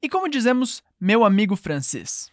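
A woman's voice: medium pitch, very animated, normal speed, dry recording, clean studio sound. A woman with a Brazilian Portuguese accent teaching a call-and-response language lesson, patiently modelling phrases for the listener to repeat.

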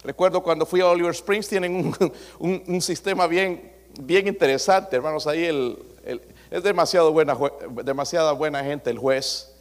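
A male pastor preaching a sermon to his congregation, swinging between loud emphatic passages and quiet asides. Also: fairly high pitch, moderate pace. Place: church sanctuary. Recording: long hall reverb.

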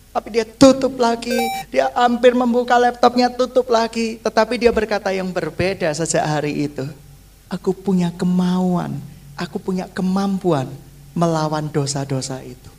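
A man preaching a sermon, swinging between hushed, intimate lines and loud, impassioned ones. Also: very high voice, creaky. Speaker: pastor.

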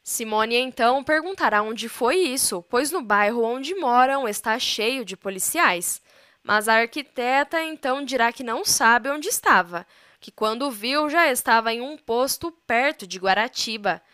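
A woman's voice: fairly high pitch, a little slow, smooth, dry recording, studio quality. A woman with a Brazilian Portuguese accent narrating a soap opera plot summary. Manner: steady storytelling in future tense.

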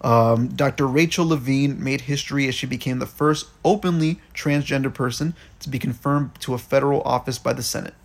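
A man's voice: mid-range voice, fairly quick, gravelly, hardly any pauses. A man co-hosting an informal chat, reading out items and commenting in slangy, loose language. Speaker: podcast co-host.

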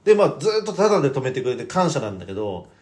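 A man co-hosting a casual podcast chat, giving quick backchannels and teasing reactions. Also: medium pitch, sing-song, darkish tone. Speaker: podcast co-host.

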